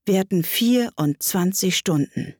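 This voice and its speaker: Mock turtle played by a woman, storybook, sighing, mournful, very slow, breathy. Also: fairly low pitch, expressive, darkish tone, no echo, clean studio sound, heavily acted.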